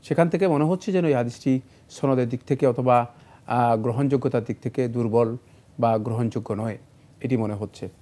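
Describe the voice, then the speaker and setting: A man answering religious questions on a studio show, in a measured, explanatory way with frequent fillers. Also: mid-range voice, mellow. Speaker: Islamic scholar answering questions.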